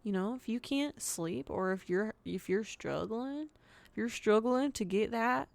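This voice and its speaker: A woman's voice: fairly high pitch, a little slow, vocal fry, no echo. A woman hosting her own podcast in a casual solo chat, frank and giggly with lots of fillers. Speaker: podcast host.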